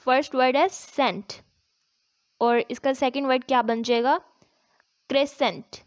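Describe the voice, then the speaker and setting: A woman teacher explaining an exercise, spelling words out letter by letter and reading answers aloud. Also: high-pitched.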